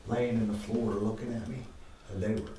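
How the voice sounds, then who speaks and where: Paranormal investigator, male, lower-pitched, casual and sweary, heard off-mic in a big reverberant corridor. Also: flat delivery, a little fast, mellow. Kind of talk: casual hushed chat during a ghost hunt. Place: large empty indoor hallway. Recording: very echoey corridor, distant mic, faint hiss.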